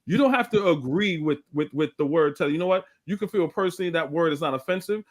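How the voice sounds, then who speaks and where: A man's voice: on the high side, lively intonation, fast talker, no echo, studio quality. A young man from Guyana on a debate panel, talking emphatically and indignantly, swearing freely. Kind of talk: heated live debate.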